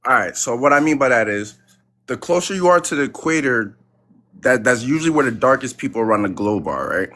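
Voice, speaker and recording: A man's voice: medium pitch, lively intonation, fairly quick, fairly bright tone. A man from Connecticut calling into a live debate, defensive and casual, pressing to be heard. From Connecticut, United States. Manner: defensive, keeps asking to be heard, casual slang. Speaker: caller.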